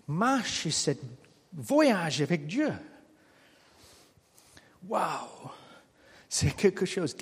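A man preaching a sermon in French as a non-native speaker with a foreign accent, speaking slowly and haltingly with rhetorical questions. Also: on the high side, breathy edge, in a large hall. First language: not French. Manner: slow, halting delivery with restarts and rhetorical questions. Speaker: pastor. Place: church hall.

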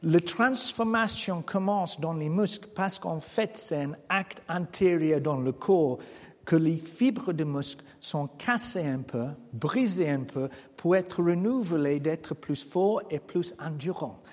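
A man preaching a sermon in French as a non-native speaker with a foreign accent, speaking slowly and haltingly with rhetorical questions. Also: a little high, lively intonation, big-room sound. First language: not French. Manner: slow, halting delivery with restarts and rhetorical questions. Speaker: pastor. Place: church hall.

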